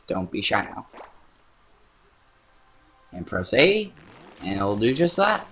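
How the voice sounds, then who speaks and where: A man's voice: lowish voice, sing-song, slow pace, fairly bright tone, slightly rough, heavily acted. A man voicing a cocky, wisecracking talking paint can sidekick in a video game voice-over. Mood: bossy. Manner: brash, bossy and wisecracking. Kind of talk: let's play voice-over.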